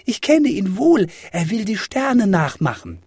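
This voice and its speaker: A man voicing a demanding little boy who shouts for more in a storybook reading. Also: very animated, measured pace, breathy edge, no room sound, clean studio sound, heavily acted. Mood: eager. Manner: shrill, insistent shouting.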